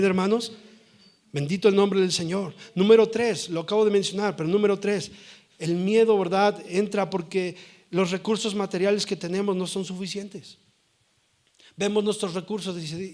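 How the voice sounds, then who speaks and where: A male pastor delivers a lively sermon in church. His voice sits high for a man, and he keeps turning to the congregation for amens and agreement.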